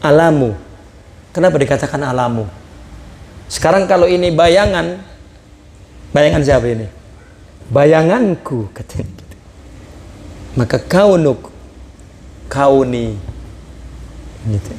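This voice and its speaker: An Indonesian-accented man gives a religious lesson, reading out a line of the text and then explaining it plainly. His voice sits fairly high and moves at an unhurried pace. The recording carries the echo of the room. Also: lively intonation, darkish tone.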